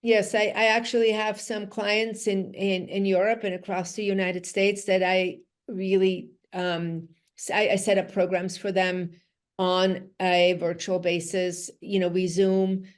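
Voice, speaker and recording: Speaking from home in Switzerland, a middle-aged physical therapist whose native language is Dutch joins a conversational interview as a guest. Her mid-range voice stays fairly flat in pitch, smooth and a touch slow. She comes across as earnest, often restarting phrases and saying "you know."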